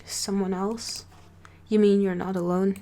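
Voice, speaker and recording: A woman's voice: medium pitch, flat delivery, a little slow, warm tone, natural voice. A woman voicing a blunt, caring young woman healer who asks direct, matter-of-fact questions in an amateur story reading. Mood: concerned. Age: young adult.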